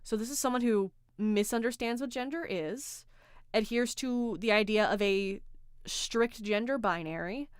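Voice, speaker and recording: A woman hosting a livestream in casual chat, sarcastic and animated, reading out chat comments. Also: mid-range voice, clean tone, no echo, clean studio sound. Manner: animated, sarcastic, reads chat aloud, swears and laughs. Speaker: livestream host.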